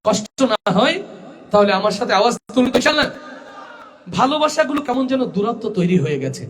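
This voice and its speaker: A man with a Jashore Bengali accent, a gojol singer addressing a live crowd from an open-air stage with fervent call-and-response. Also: high voice. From Jashore region, Bangladesh.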